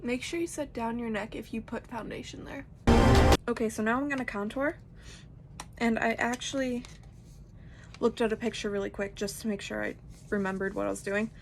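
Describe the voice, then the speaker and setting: A woman's voice: on the high side, fairly even intonation, moderate pace, long pauses, over loud music. A young woman giving a casual, chatty tutorial, rambling informally with lots of "like". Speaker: makeup tutorial host.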